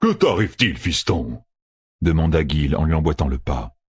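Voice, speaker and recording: Guy doing a sly innkeeper, all chummy, husky voice, bouncy delivery. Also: extremely low pitch, sing-song, normal speed, full character voice. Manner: chummy, then scheming. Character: burly, shrewd male innkeeper, falsely friendly.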